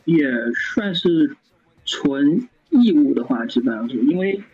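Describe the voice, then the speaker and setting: A man with a husky, slightly high voice answers questions as a podcast guest. He talks casually and keeps stumbling and restarting words. The recording sounds dull and lo-fi. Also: very animated, warm tone. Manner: halting, many stammered restarts. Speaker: guest, fan site founder. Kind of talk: casual interview talk.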